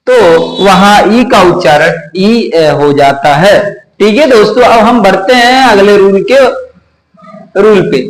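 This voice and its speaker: A man's voice: high-pitched, slight background noise. A man teaching English pronunciation, spelling words out letter by letter and answering his own rhetorical questions. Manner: slow, repetitive explaining. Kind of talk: classroom-style lesson. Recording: echoey room.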